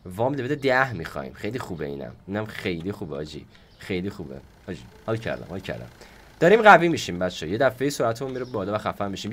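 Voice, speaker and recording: A man with a hoarse, slightly low voice gives playful gameplay commentary. His pitch swings widely as he chats away to his viewers while he plays. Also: slight background noise. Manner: playful, chatty, talks to viewers while playing. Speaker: gaming YouTuber host.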